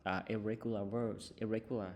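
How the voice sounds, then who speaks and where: A male teacher with a Lao accent explaining an English textbook lesson, reading English words slowly, then explaining them quickly with many fillers. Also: lowish voice, little pitch movement, darkish tone.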